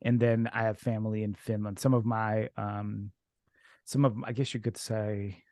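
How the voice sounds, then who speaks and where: A man's voice: lowish voice, little pitch movement, moderate pace, darkish tone, dry recording. Podcast host, male, Russian native speaker, rambling chatty delivery, dry close sound. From Ukraine. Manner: rambling, many fillers and restarts. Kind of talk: casual interview.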